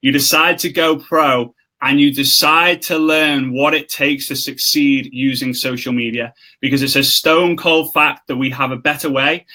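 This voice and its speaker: A young man hosting a live stream, excitable and salesy, joking with his guest and pitching offers to viewers. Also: moderate pace, few pauses. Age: young adult. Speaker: host. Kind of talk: casual live-stream chat.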